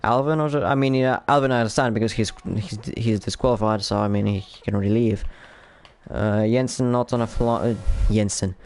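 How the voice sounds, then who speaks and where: A young Polish-accented man commentates a sim racing league qualifying session live, thinking aloud between laps and lifting sharply and speeding up whenever a lap time lands. His fairly low voice is steady, a little fast, creaky, and a little mellow.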